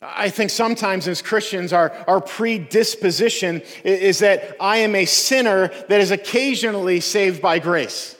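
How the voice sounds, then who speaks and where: A man's voice: sits high, unhurried, hardly any pauses, a bit bright, long reverb tail. A man preaching a sermon as a pastor, earnest and conversational, often repeating words and restarting his phrases.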